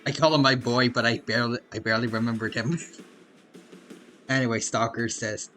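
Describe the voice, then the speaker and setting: A man doing casual live game commentary as a streamer, chatty and animated. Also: medium pitch, fairly quick, faint music behind.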